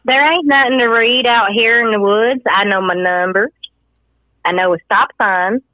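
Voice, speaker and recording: A woman voicing a cheeky backwoods Kentucky hillbilly caller with missing front teeth and a folksy, deadpan delivery. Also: a little high, moderate pace, no room sound, close to an everyday voice. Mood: plainspoken. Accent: Kentucky Appalachian. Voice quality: gap-toothed speech from missing front teeth. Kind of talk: comic in-character phone call. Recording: dull lo-fi call audio.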